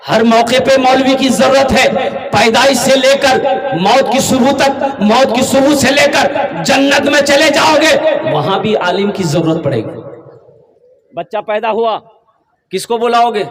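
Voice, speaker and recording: A man preaching a humorous sermon to a gathering, calling out questions to the crowd and acting out village voices. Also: extremely high pitch. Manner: acts out village voices in regional dialect. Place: large public gathering. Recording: echoey hall from far off.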